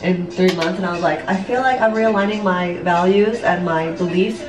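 A vlogger and online business coach, late twenties, speaks at a moderate pace in a fairly low voice while doing her makeup at home in the bathroom. Her casual, confessional chat to viewers rambles a little, peppered with "like," "you know," and a few swear words. A camera mic a step or two away catches the room's echo.

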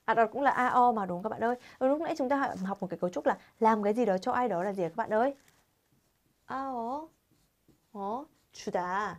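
A woman's voice: on the high side, brisk. A woman teaching a Korean grammar lesson to learners, constantly quizzing viewers with rhetorical questions.

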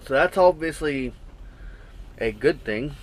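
Inside his small truck sleeper cab, a thirtysomething trucker unboxes and reviews gear in a relaxed, rambling way, thinking out loud and using lots of fillers. He speaks slowly and expressively in a voice that runs a little high. An action camera's built-in mic on the cab wall captures him.

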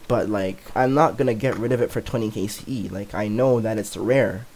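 A man's voice: fairly low pitch, a little fast, a little mellow, rough recording. Laid-back young man rambling about gaming. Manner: filler-heavy rambling, "like" everywhere; chuckles often. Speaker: gaming YouTuber. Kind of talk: casual gameplay commentary.

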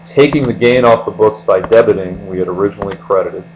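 Speaking fast in a lowish voice, an American accounting tutor methodically explains a lecture one step at a time. He's voicing over a screen recording indoors. The recording is low quality and carries a constant mains hum.

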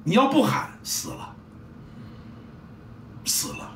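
Speaking slowly with a fairly bright tone, a middle-aged football coach rambles casually and bluntly, salty language included, acting out scenes and sounds. Slight background noise and faint ambience fill the roomy space, captured by a distant mic.

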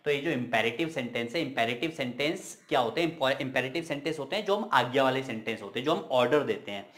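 A man's voice: mid-range voice, lively intonation, fast, a bit bright. A young man teaching English grammar in casual spoken Hindi, chatty, asking and answering his own questions.

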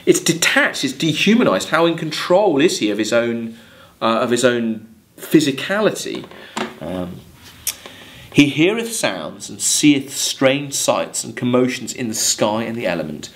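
A mid-range voice belongs to this man in his thirties, who has an English accent and lectures on literature from a desk in a small plain room. He reads poetry aloud and works through its meaning hesitantly.

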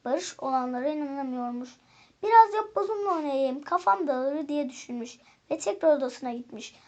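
A woman teacher reading a children's fairy tale aloud in calm, expressive storybook narration. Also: high-pitched.

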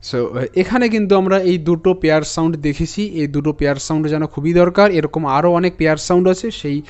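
A man teaches English phonics, spelling each word out letter by letter and repeating the sounds slowly. His voice is smooth and resonant and sits a little high. The recording sounds somewhat dull and lo-fi. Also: a little mellow. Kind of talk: phonics lesson.

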